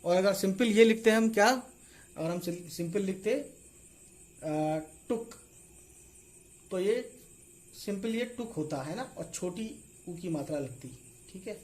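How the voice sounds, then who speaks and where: A man with a high, light voice runs a casual online lesson, spelling out letters one by one. He keeps checking in after each small point in a steady teaching rhythm. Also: unhurried, pauses often. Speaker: Urdu teacher.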